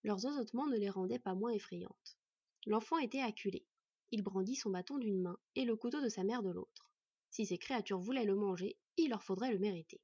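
Husky woman reading a fantasy tale. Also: mid-range voice, dry recording. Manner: steady, measured reading. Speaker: storyteller. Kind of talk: fantasy audiobook narration. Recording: dry, slightly dull recording.

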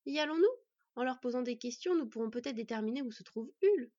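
A composed, protective she-wolf from a storybook, as a woman reads her aloud, cool and measured in her speech. Her warm voice comes through dull and dry. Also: a little high, dry recording, lightly acted. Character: calm, wise she-wolf in woman's form, protective aunt.

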